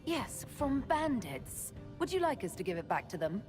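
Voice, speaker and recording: A woman's voice: fairly high pitch, sing-song, normal speed. An actress voicing a confident woman mage who leads an order, speaking with dry wit in a game cutscene, music behind. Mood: sardonic. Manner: wry, dry humor. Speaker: player character, the Inquisitor. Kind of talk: video game cutscene dialogue.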